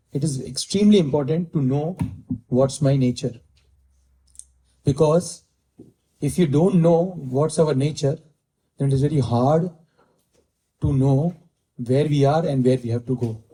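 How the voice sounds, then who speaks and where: A man's voice: medium pitch, unhurried, pauses often, dark tone, poor audio. A man with an Indian English accent giving a scripture lecture, repeating key phrases and slipping into Hindi. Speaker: spiritual teacher giving scripture class.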